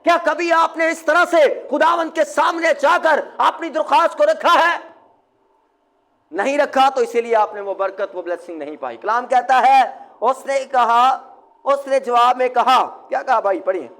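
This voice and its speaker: A man preaching with a very high-pitched voice, the pastor leading his flock through a sermon. He fires questions at the congregation and has them call the answers back, sometimes rising to a shout. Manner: call-and-response, quizzing the congregation; bursts into shouting.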